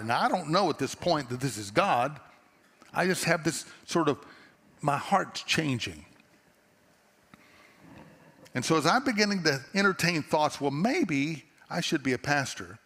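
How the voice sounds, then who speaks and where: A man's voice: medium pitch, a bit bright. Middle-aged man, Texan accent, pastor's sermon, earnest storytelling, headset mic, long church-hall reverb. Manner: conversational storytelling, earnest, with repeated restarts. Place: large church stage before a seated audience.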